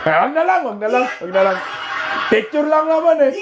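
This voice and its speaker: A Filipino man doing laughing, mocking reaction commentary over protest footage, jeering and shouting exclamations. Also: very high-pitched, sing-song, normal speed, muffled recording, heavy background noise. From Philippines.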